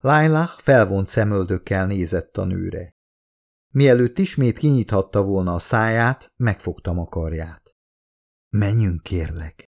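A man narrating a first-person novel as an expressive audiobook reader. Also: fairly low pitch, creaky.

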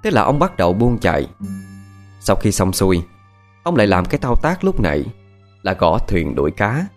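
Male ghost-story narrator, lower voice, animated delivery, faint music bed. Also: normal speed. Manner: expressive, storytelling cadence.

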